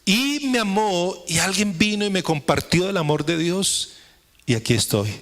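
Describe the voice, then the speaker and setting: A man preaching in a church service with a fairly high voice. He works in an emphatic, repetitive cadence and keeps turning to the congregation with rhetorical questions. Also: expressive, measured pace, a bit bright. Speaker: pastor. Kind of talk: sermon.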